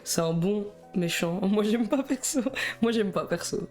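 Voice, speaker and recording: A man's voice: high voice, measured pace, darkish tone, faint music behind. A young man with a Belgian French accent chatting casually on a live stream, nervous and self-mocking, stammering and rambling between laughs.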